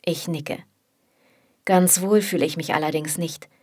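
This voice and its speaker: A woman's voice: deep voice, fairly even intonation, measured pace, darkish tone, husky, no echo, clean studio sound. A woman narrating a first-person audiobook in an intimate, matter-of-fact way.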